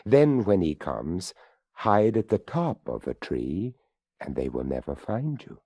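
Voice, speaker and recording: A man's voice: sits low, big pitch swings, unhurried, dark tone, slightly rough, dry recording, clean studio sound, pitched above the performer's own voice, heavily acted. A man voicing a courteous, formal old male skeleton in a storybook reading. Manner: formal, polite.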